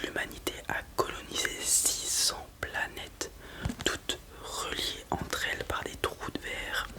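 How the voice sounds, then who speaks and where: An ASMR creator plays a librarian presenting books, speaking in a soft library whisper throughout the role-play. They read the blurbs aloud and then add informal comments, hesitating along the way.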